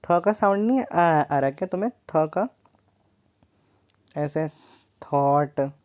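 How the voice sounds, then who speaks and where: A young woman teacher runs an online class in a playful, joking way and keeps calling her students 'beta'. Her voice sits a little low, and she takes her time over each word. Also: expressive, slow, darkish tone. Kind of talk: online lesson.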